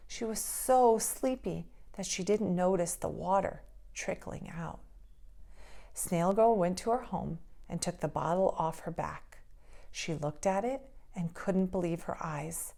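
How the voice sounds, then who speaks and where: Preschool teacher reading a story to kids, expressive, low and gravelly. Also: female voice. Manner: expressive, slow storytelling pace. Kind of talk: children's story read-aloud.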